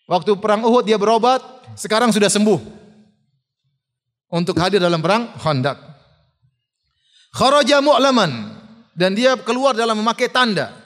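High-voiced male preacher telling a story. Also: fairly quick. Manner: lively storytelling with fillers and laughs. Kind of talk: religious lecture storytelling. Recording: long hall reverb.

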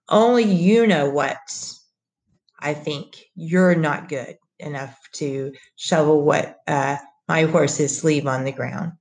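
A woman's voice: sits low, darkish tone. A woman doing a sneering bully of a businessman. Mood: raging. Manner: sneering, taunting. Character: menacing middle-aged male businessman, scornful bully.

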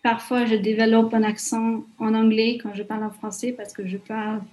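A woman's voice: fairly high pitch, level tone, moderate pace, darkish tone. Woman, Hungarian accent, non-native speaker, interview guest, hesitant and searching for words. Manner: hesitant, many fillers and restarts, small grammar slips. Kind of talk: casual interview in French.

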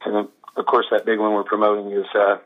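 A man, a guest musician, talking casually in an interview, relaxed and rambling with lots of fillers. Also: fairly low pitch, fast. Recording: tinny phone line.

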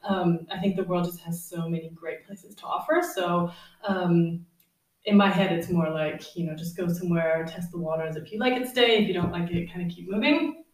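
German guest in her thirties, lowish voice, roomy echo, set back from the mic. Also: normal speed, distant mic. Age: 30s. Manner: relaxed, laughs often, many fillers. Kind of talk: casual interview chat. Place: apartment overlooking the sea. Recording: echoey room, off-mic.

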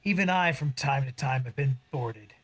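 An actor playing a cocky, roguish young smuggler captain, delivering boastful Shakespearean verse. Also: male voice, mid-range voice, animated, normal speed, fairly bright tone, husky. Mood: persuasive. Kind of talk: audio drama acting in verse.

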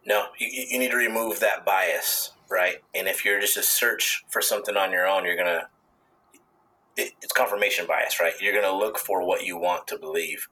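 A man's voice: deep voice, steady tone, moderate pace, bright, forceful tone, husky, poor audio. A man co-hosting a podcast, chiming in during casual chat with dry, wry remarks. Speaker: podcast co-host.

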